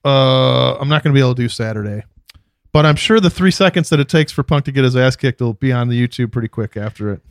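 A man's voice: mid-range voice, fast, dry recording, studio quality. A man co-hosting a podcast, explaining things matter-of-factly with sarcastic asides. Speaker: podcast co-host. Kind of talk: casual chat.

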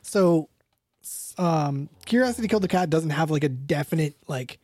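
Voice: mid-range voice, lively intonation, moderate pace, darkish tone, no room sound. A person hosting a casual guessing game, talking in a loose, hesitant way with many fillers. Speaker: quiz host. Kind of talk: casual podcast chat.

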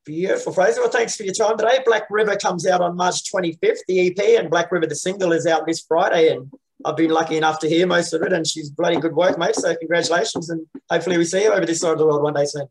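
A man's voice: on the high side, steady tone, quick pace, poor audio. A man hosting a casual music interview in a blokey, matey, sweary way.

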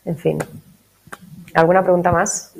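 A woman's voice: on the low side, unhurried, creaky, a little hiss or hum. Chatty woman teaching faith. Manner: lively, conversational, tags phrases with "¿no?". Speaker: catechism course teacher. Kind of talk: casual spiritual talk.

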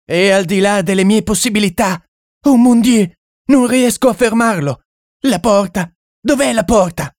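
A man doing a shrill, panicked Frenchman. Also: measured pace, dry recording, studio quality. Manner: shrill, frantic shouting. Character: panicked French male spiritualist, frantic.

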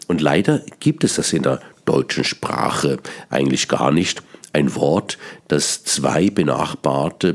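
Man, Swiss German accent, extremely deep voice, unhurried, deliberate radio musing, savors every sound. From Switzerland (Bern). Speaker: cabaret artist hosting a radio column on language.

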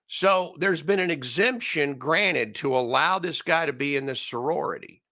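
A man's voice: fairly high pitch, moderate pace, sharp tone. A man hosting a solo commentary show, ranting with sarcastic, mocking asides.

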